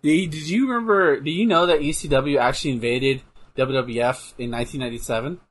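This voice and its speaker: A man's voice: mid-range voice, fairly quick. A young man casually chatting and joking while playing a game, swearing and laughing often. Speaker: co-host. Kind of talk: casual gaming chat with commentary.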